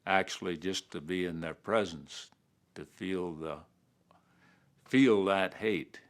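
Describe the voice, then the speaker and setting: Deep slow guy, real earnest, takes his time. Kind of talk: documentary interview.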